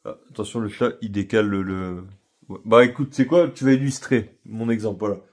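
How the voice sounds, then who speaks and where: Young man, casual vlog story, rambling, slangy, fillers and restarts, lowish voice. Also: a little fast. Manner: rambling, slangy, with frequent fillers and self-corrections. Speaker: vlogger.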